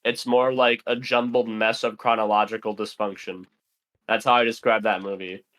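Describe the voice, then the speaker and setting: A man's voice: fairly low pitch, little pitch movement, moderate pace, a bit bright. A young man, a podcast guest, chatting casually and rambling with lots of fillers while playing a game. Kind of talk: casual chat while gaming.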